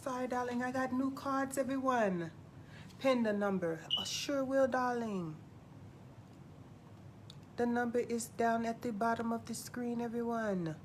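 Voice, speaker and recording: A woman doing a high, campy psychic hotline diva. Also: natural voice. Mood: sassy, welcoming. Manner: campy, drawn-out, calls everyone darling. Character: sassy glamorous female TV psychic hotline host. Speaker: host of a live psychic call-in show. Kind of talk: live stream call-in chat. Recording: noisy live stream audio.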